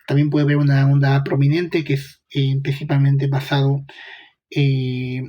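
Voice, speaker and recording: A man's voice: mid-range voice, completely flat delivery, unhurried, dull audio. A young man giving a casual medical lecture, chatty, with rhetorical questions and slangy asides.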